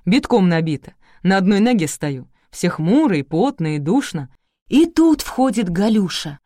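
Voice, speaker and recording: A woman's voice: mid-range voice, very animated, unhurried, warm tone, no room sound, studio quality. A woman voicing a bossy middle-aged uncle in an audiobook, commanding and folksy. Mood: storytelling.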